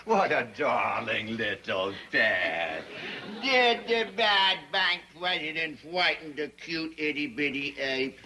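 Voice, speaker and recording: An actor playing a blustery bank president in an old sitcom, who shouts, then gushes in baby talk. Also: male voice, on the high side, animated, normal speed, full character voice. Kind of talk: 1960s sitcom acting. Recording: hissy old TV soundtrack.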